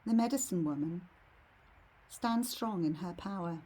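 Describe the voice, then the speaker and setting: A woman leading a guided meditation in a serene, soothing, soft and slightly husky voice. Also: on the low side, lively intonation, slight background noise, poor audio. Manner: serene, unhurried, soothing delivery.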